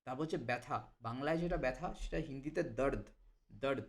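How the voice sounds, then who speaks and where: A man teaching Hindi vocabulary to Bengali speakers, explaining each word and repeating it slowly. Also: medium pitch, vocal fry. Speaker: language teacher. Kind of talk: vocabulary lesson.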